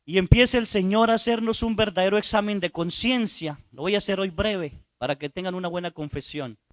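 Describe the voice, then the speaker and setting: Storytelling priest preaching. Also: male voice, sits high, brisk, no echo, clean studio sound. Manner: storytelling preacher who acts out voices and asks "¿sí?". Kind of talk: sermon.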